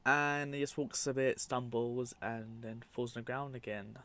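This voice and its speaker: A man's voice: mid-range voice, little pitch movement, normal speed, fairly bright tone. A man giving casual, unscripted commentary over clips, rambling and matter-of-fact with dry asides. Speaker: narrator of a film clip compilation.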